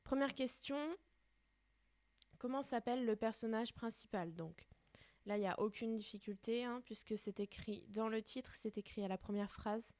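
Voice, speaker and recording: A woman's voice: a little high, moderate pace, darkish tone, no echo. A woman teaching a primary school class in a recorded remote lesson, explaining patiently step by step.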